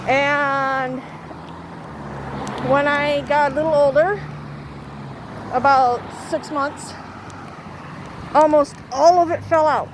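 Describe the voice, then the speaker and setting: A woman chatting casually and haltingly to her vlog viewers, outdoors in strong wind. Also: high-pitched, fairly even intonation. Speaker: vlogger. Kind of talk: casual rambling vlog chat. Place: outdoors in windy weather. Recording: loud wind noise, outdoors.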